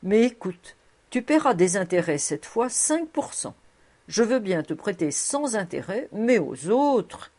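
A woman's voice: medium pitch, very animated, unhurried, dark tone. A woman voicing a jovial man who teases his old friend in a half-serious, half-mocking way. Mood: stern. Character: male landowner, jovial, teasing, fond of food.

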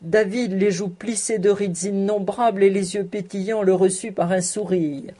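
A woman reading a classic novel aloud in scripted narration, measured and expressive. Her voice is mellow and warm, at an ordinary middle pitch. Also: breathy edge. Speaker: audiobook narrator.

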